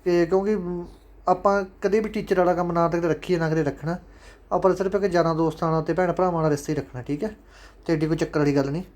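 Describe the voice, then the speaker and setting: Here a Punjabi-accented man speaks fast in a fairly high, steady, somewhat mellow voice. His online exam-prep lecture is casual and fatherly, full of repeated key points, and he addresses students as "sons."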